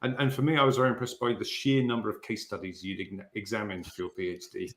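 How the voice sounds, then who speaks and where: A man's voice: fairly low pitch, fairly even intonation, fast talker, a bit bright, echoey room. A man hosting an interview, enthusiastic and stumbling a little. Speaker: interview host, conference chair.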